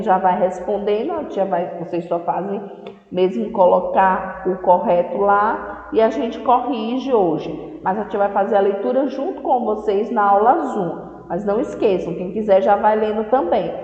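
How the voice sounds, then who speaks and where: A woman's voice: mid-range voice, moderate pace. A woman teaching young children, speaking patiently and repeating words syllable by syllable. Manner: patient, repeats and spells out words, addresses children with "certo?" and "tá bom?". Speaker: primary school teacher. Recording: echoey room recorded from a distance, dull lo-fi sound.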